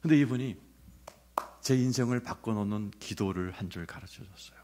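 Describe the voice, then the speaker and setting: A middle-aged man preaching a sermon with personal testimony, telling his story with animated, acted-out scenes. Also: fairly low pitch, moderate pace. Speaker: pastor.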